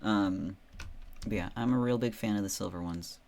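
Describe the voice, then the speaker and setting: A man's voice: on the low side, normal speed, vocal fry, a little mellow. A man chatting casually on a livestream in a playful, theatrical way, boasting with tongue in cheek.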